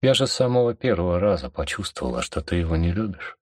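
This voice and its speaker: A man's voice: low voice, sing-song, quick pace, dry recording, studio quality. A man reading an audiobook and voicing a tired older queen mother who speaks in a confiding way. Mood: weary confiding. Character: weary older queen mother, calm and bitter.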